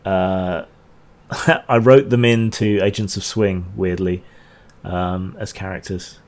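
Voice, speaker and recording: A man hosting a casual livestream Q&A. His voice sits fairly low, and he meanders through answers with frequent ums and a dry, offhand humour. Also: fairly even intonation, slow pace, a little mellow. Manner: rambling, hesitant with many ums, dry asides. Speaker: channel host answering chat questions.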